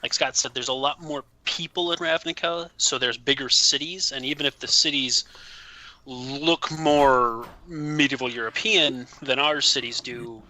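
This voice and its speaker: A man co-hosting a podcast with a goofy, enthusiastic streak. His voice is strikingly bright and forward. He describes things eagerly in casual chat. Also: medium pitch, fairly even intonation, measured pace, rough recording. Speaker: podcast co-host.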